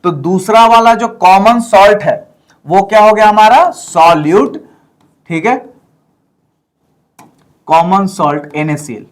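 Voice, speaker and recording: A man's voice: high voice, expressive, takes it slowly, long pauses. A man teaching a chemistry lesson in speech, mixing in English terms and explaining step by step with frequent check-ins. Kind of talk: classroom lecture.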